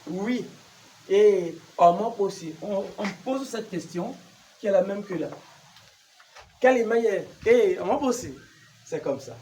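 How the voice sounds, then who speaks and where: High-voiced man teaching a language. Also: darkish tone, a little hiss or hum. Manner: patient, explains slowly and repeats phrases. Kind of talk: language lesson.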